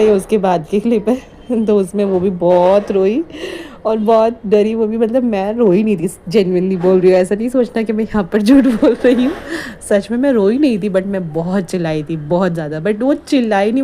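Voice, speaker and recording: Mellow-voiced woman narrating a home vlog. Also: medium pitch, slight background noise. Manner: rambling, animated storytelling with frequent laughter. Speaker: home vlogger. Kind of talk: chatty voice-over narration. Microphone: voice-over recorded while editing.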